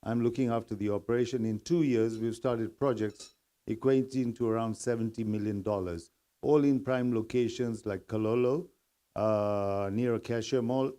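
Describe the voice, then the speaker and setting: Mellow-voiced man from Uganda pitching property. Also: smooth. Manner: brisk, confident sales talk. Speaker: real estate company executive. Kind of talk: business pitch speech.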